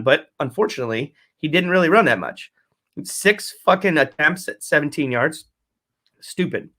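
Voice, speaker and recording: A man's voice: medium pitch, bright, forceful tone. A man hosting a casual solo fantasy football recap, rambling, swearing constantly and correcting himself. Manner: profane, rambling, self-correcting. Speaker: fantasy football podcast host.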